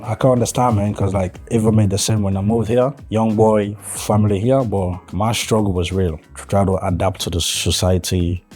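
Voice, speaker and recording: A man hosting a podcast, chatting with his guest in an eager, friendly and relaxed way with casual slang. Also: fairly low pitch, normal speed, hardly any pauses, slightly rough, soft background music. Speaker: podcast host. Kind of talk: casual interview chat.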